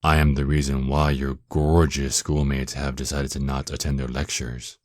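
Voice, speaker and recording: A man playing a dominant, seductive, menacing male vampire lord in an ASMR roleplay, with a very deep voice and a possessive, taunting, mock-tender manner. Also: little pitch movement, normal speed, no echo, clean studio sound. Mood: gloating, sinister. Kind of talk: ASMR roleplay, intimate scripted monologue.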